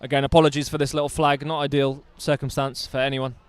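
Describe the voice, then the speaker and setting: A man's voice: mid-range voice, level tone, fast talker, smooth, dry recording. A man doing live rugby commentary outdoors, chatty and enthusiastic with jokey asides.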